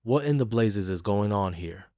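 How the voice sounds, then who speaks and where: A man's voice: lowish voice, expressive, normal speed, dark tone, no echo, studio quality, close to an everyday voice. A man voicing a stern older general who speaks grimly and coldly in a story reading. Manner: grim, cold and clipped.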